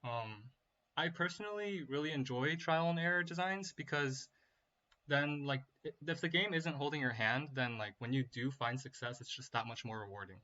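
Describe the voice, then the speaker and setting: Casting: male lecturer, mid-pitched and bright, explaining informally with casual asides; dull recording. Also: normal speed. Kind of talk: lecturing on game design, semi-casual.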